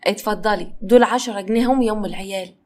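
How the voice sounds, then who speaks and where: A woman's voice: medium pitch, racing, darkish tone, lightly acted. A woman with an Egyptian accent voicing a stingy, lazy young husband who teases in a sly, mocking way.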